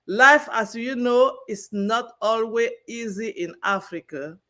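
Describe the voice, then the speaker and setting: A woman's voice: on the high side, slow pace, a bit bright. A woman from Cameroon, a guest telling her personal story earnestly. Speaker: guest speaker. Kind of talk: personal testimony.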